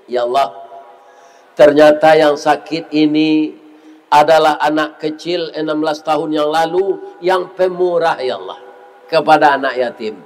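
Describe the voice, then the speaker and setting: Devout tender male doctor, as a preacher puts him on, soft pleading prayer. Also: fairly high pitch, a little slow, lightly acted. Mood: tearful prayer. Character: pious tender-hearted male doctor, adult.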